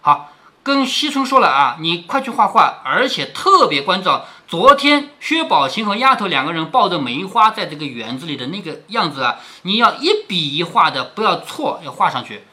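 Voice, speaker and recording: A middle-aged man with a high, sharp, sing-song voice reads a classic novel aloud to his daughter at a moderate pace. He pauses to explain the story in plain talk, often asking "right?".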